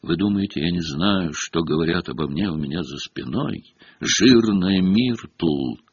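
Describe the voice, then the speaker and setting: A man voicing a sulky, tearful girl ghost in an audiobook, speaking slowly and glumly. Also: deep voice, expressive, breathy edge, no echo, dull audio, full character voice. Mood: gloomy whining. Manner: gloomy, tearful, self-pitying. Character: sulking weepy girl ghost.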